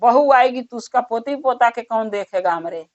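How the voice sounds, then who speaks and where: A woman's voice: a little high, lively intonation, normal speed, a little mellow, lightly acted. A woman doing a wailing merchant's wife. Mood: lamenting. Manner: crying, lamenting in plain village speech. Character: wailing middle-aged merchant's wife, selfish. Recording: dull lo-fi recording.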